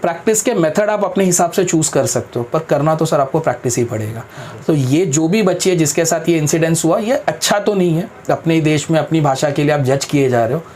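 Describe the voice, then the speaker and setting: Man, interview guest, firm and practical, slightly high voice, faint background hum. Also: expressive, brisk, darkish tone. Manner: firm, practical, mixes English into Hindi; addresses interviewer respectfully as sir. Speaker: guest speaker on careers. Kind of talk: explanatory interview talk.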